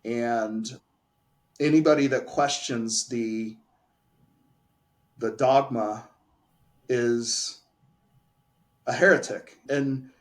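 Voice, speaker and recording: A man's voice: medium pitch, fairly even intonation, drawn-out words, pauses often. Man, interview guest, candid, emphatic, casual answers. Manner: candid, emphatic, restarts phrases. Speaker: pharmacy owner guest.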